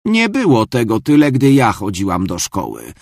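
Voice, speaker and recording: A tired, brisk mum from a children's storybook, as a man puts her on. She sighs and speaks with clipped impatience. The voice is husky and close. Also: fairly low pitch, wildly swooping pitch, no room sound, full character voice. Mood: impatient. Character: busy, weary mother driving kids.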